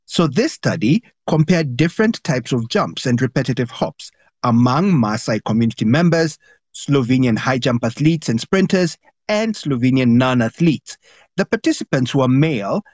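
A man with a Kenyan accent, speaking as a radio panellist and explaining a science story in a measured way. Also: medium pitch, animated, a little mellow, no echo, clean studio sound.

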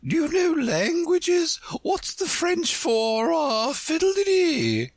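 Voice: very high-pitched, wildly swooping pitch, slow pace, no room sound, voice pushed up, heavily acted. A reader voicing an imperious, contrary chess queen, a woman who scolds with pompous emphasis in a storybook. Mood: stern.

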